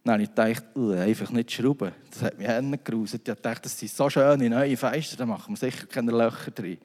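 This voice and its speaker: A man's voice: medium pitch, fast, darkish tone. A man preaching a sermon in a loose, conversational way full of asides and restarts. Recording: long reverb of a hall.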